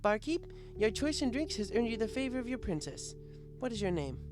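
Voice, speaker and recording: A man's voice: high voice, sing-song, fairly quick, music in the background, voice pushed up. A man voicing a haughty, easily exasperated pony princess with formal, archaic royal speech in a storybook reading. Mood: regal, pleased.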